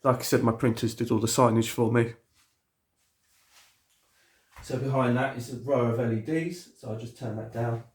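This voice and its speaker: Brisk and a bit dark in tone, a man's mid-range voice holds fairly even intonation as he gives a casual video walkthrough of his model railway layout indoors. He sounds sniffly from a cold and rambles, restarting often and using many fillers.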